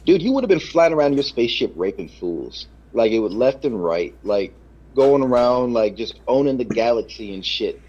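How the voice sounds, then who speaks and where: Husky-voiced man venting, lo-fi sound. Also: medium pitch, animated, moderate pace, darkish tone. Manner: fired up, swears, repeats himself, lots of "you know". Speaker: podcast co-host. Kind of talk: casual gaming podcast chat.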